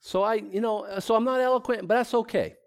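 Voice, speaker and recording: The voice is a man's, pitched high, slightly quick and creaky: a middle-aged pastor from Boston delivering a conversational sermon on the Bible. He wanders, restarts often, and jokes at his own expense.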